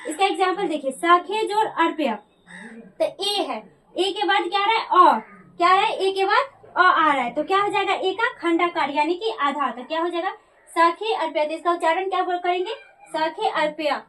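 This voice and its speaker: A woman's voice: very high-pitched, moderate pace, sharp tone. A woman teaching a Sanskrit grammar lesson, often asking a question aloud and answering it herself. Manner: repeats questions and answers them for students. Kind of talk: classroom lecture.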